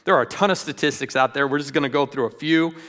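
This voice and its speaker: A middle-aged man speaks at an even, middle pitch, leading a church training session. He talks earnestly and tells stories, pausing often on ums and restarting his sentences. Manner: earnest, warm storytelling with frequent ums and restarts. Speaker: ministry speaker.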